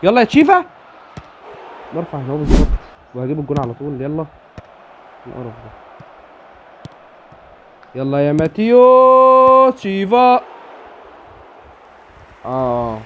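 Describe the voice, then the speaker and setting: A man with an Egyptian Arabic accent giving excitable live commentary on his own football video game match, cheering and groaning at the play. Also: mid-range voice, brisk, long pauses, highs cut off, slight background noise. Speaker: gamer.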